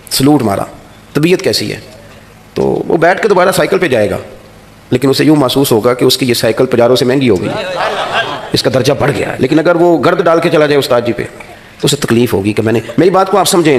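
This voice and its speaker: A man delivering a sermon to listeners. He tells moral stories and lifts his voice high and insistent to drive points home, then goes hushed and tender when he speaks as a parent. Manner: rising to an emphatic, preaching pitch when stressing points. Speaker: preacher. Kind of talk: Islamic sermon.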